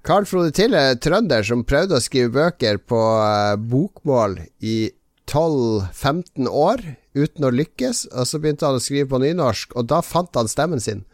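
A man's voice: mid-range voice, expressive, no echo. Man, podcast host, casual teasing chat, dry close sound. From Norway. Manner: teasing, chatty, with many fillers.

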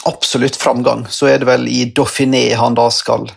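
A man co-hosting a cycling podcast, speaking in a relaxed, thoughtful and slightly wry way. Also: medium pitch, gravelly, husky. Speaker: podcast co-host. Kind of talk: casual cycling podcast chat.

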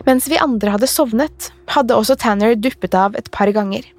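A woman narrates a scripted horror story in the first person, calm and measured. Her voice sits somewhat high, with faint music playing beneath her studio-clean reading. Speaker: podcast narrator.

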